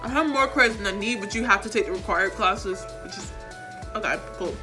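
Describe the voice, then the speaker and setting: In a teen girl's rambling, self-deprecating vlog, she chats casually about her school credits and grades. Her voice is mid-range and a little quick. Faint music plays in the background.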